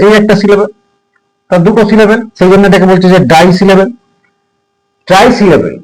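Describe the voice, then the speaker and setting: Guy with a high voice giving a lesson, patient, keeps repeating and quizzing you. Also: low-quality recording. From Bengal. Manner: patient, repetitive, quizzing the listener. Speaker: English teacher. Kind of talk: lesson explaining syllables.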